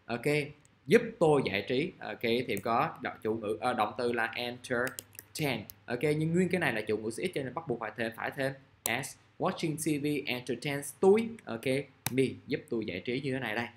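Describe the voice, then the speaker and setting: A man's voice: medium pitch, moderate pace. Man teaching vocabulary. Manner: explains patiently, repeats key words, checks in with "được chưa?". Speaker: English teacher. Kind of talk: vocabulary lesson.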